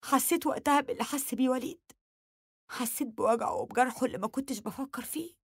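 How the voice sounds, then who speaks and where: A woman's voice: sits high, fast, slightly rough, no echo, studio quality. A woman with an Egyptian accent telling a dramatic first-person story in an emotional, confessional way.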